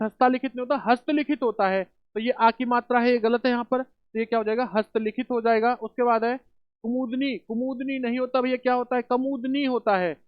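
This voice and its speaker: With an extremely high, clean-toned voice, a man teaches spelling for an upcoming exam, calling his students children and brothers. He asks rhetorical questions only to answer them himself, and the dull, dry home recording has no echo.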